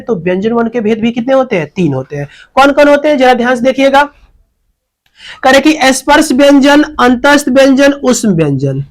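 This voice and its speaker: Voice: mid-range voice, rough recording. A teacher gives an exam-focused grammar lesson beside a teaching board, asking questions and answering them while repeating key terms.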